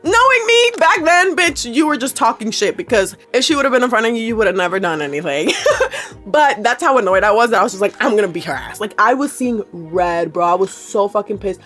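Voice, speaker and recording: Young woman vlogger, casual storytime chat, animated delivery with lots of swearing and laughter, faint music under it. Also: on the high side, fairly quick. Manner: animated, swearing, laughing often, quotes people in voices.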